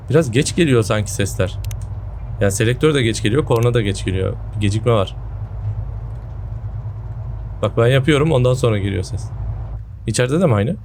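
A man's voice: medium pitch, animated, fairly quick, long pauses, darkish tone, a little hiss or hum. A man gives casual gameplay commentary indoors on a headset mic, his voice a little off from a sore throat. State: sick with a sore throat, voice a bit off. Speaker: gaming video host. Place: indoor room at home.

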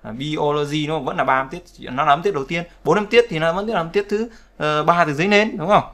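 A man's voice: on the high side, quick pace, fairly bright tone. A man teaching English word stress, talking in a repetitive, conversational way and often checking with his students. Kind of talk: explaining word stress in a lesson.

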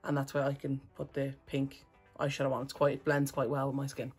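Woman vlogger, low husky voice, chatty and rambling, faint music under her. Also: monotone, brisk, darkish tone. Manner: chatty, rambling, self-correcting. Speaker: makeup vlogger. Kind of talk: casual makeup tutorial.

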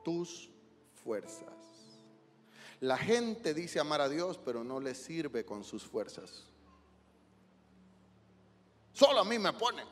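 Male pastor, high voice, passionate sermon delivery, reverberant church hall, faint music underneath. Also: big pitch swings, slow pace, pauses often. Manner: emotional preaching, swinging from soft to shouting. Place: church sanctuary.

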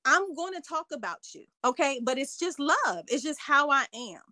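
A woman's voice: sits high, very animated, moderate pace, bright, forceful tone, no echo. A middle-aged woman hosting a casual livestream, playfully teasing and talking straight to her viewers. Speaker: livestream host.

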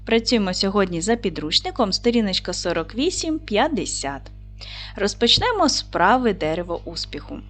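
Lady teacher doing a video lesson for little kids, lively voice, spells words out slow and clear, faint music behind. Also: mid-range voice. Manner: slow, clear and encouraging, stretching words for dictation. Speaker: primary school teacher.

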